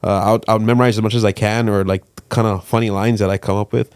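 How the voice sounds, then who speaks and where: A male comedian hosting a podcast, who talks in a halting, casual way and laughs between thoughts. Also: on the low side, flat delivery, darkish tone, smooth, no echo.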